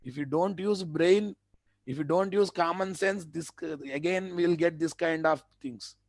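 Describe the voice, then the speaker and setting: Here the instructor's voice sits on the high side and moves unhurriedly, with no room sound. He's a man teaching web development to students in a live online lecture, speaking Telugu-accented Indian English. Emphatic and repetitive, he frequently checks understanding through rhetorical questions.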